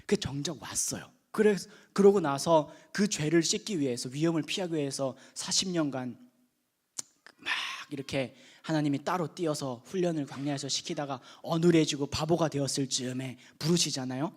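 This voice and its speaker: A man preaching a sermon at a youth worship service in a conversational way, swinging from loud emphasis to hushed asides. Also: a little high, moderate pace.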